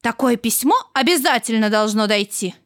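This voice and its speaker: Woman as a gentle, wondering snowman. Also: on the high side, moderate pace, dry recording, studio quality, natural voice. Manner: soft, wondering, earnest. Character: gentle dreamy snowman in the forest. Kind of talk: storybook character voice.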